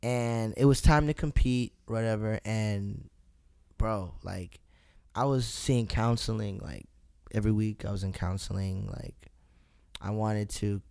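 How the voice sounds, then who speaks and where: Man, podcast co-host, smooth resonant voice, relaxed measured storytelling. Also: fairly low pitch, no room sound, clean studio sound. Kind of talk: casual podcast chat and storytelling.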